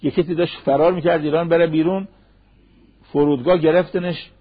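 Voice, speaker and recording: A man preaching a sermon, quoting Arabic verses and hadith in a slow recitation and asking rhetorical questions. He acts out the voices of people he imagines. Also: fairly high pitch, steady tone, husky. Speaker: cleric. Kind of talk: sermon on marriage. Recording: dull lo-fi radio broadcast.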